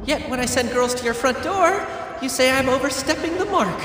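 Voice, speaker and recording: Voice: high voice, animated, normal speed, far from the mic. An actor playing a playful boyish devil who talks like a mock-polite call-center customer service manager in a video game. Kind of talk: game voice acting. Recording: very echoey hall reverb. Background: music.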